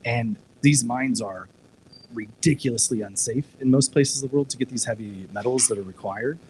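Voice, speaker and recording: A man's voice: medium pitch, normal speed, a little mellow, a little hiss or hum, rough recording. A man speaking casually at a live discussion event, retelling a TV episode with lots of restarts and filler words. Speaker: discussion panelist.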